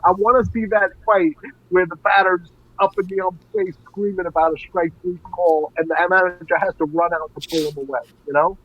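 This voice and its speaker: A man's voice: high voice, brisk. A man in his fifties, a show producer, chatting casually on a podcast and rambling through stories. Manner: rambling, animated storyteller. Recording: dull lo-fi sound.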